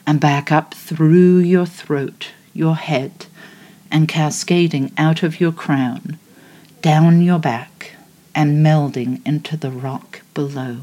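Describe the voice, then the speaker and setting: A woman leading a guided visualization meditation, speaking in a soothing, unhurried way. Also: sits low, mellow.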